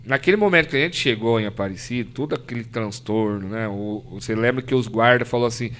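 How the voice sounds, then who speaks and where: Speaking fast with a medium-pitched, fairly bright voice, a Brazilian man from the São Paulo interior tells a faith story as a podcast guest, and a little hiss or hum can be heard. His emotional testimony comes through earnest, casual chat, peppered with "né?" and acted-out voices of others.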